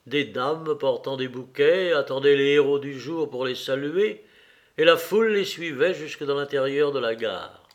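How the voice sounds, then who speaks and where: A man reading a classic novel aloud in a measured, steady way. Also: medium pitch, highs cut off. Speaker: audiobook reader.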